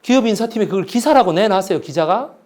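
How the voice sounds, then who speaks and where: A middle-aged man lecturing on history in a lively, swinging voice that rises somewhat high at times. He retells a story, slips into acted-out quotes and keeps asking his listeners questions. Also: quick pace. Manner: retells a play with voices, asks the audience questions.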